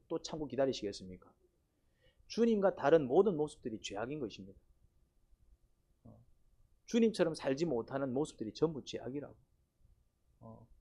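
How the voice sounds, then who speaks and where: A man's voice: on the high side, mellow. A pastor delivers a Sunday sermon in church. He fires rhetorical questions at the congregation, repeats key phrases, and uses blunt, folksy wording with sudden emphatic rises.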